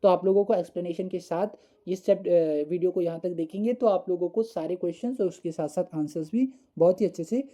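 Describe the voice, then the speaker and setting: A man teaching a school English lesson, explaining patiently and reading English definitions slowly word by word. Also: high-pitched, warm tone.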